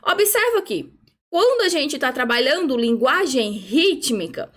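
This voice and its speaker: A woman's voice: high-pitched, very animated, unhurried. A woman music teacher patiently explaining a rhythm exercise, checking in often and chanting rhythm syllables. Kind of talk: online music theory lesson.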